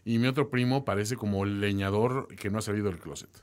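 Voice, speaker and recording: A man's voice: fairly low pitch, fairly quick. A man with a Mexican accent co-hosting a podcast, with dry, sardonic humor. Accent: Mexican Spanish. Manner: deadpan, sardonic jokes. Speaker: podcast co-host. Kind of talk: casual podcast chat.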